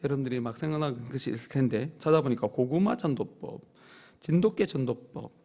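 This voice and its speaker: A man preaching at a midweek prayer service in a church, swinging between loud emphatic peaks and soft low asides, and leading the congregation in call-outs. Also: fairly quick. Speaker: pastor. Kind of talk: sermon. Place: church sanctuary.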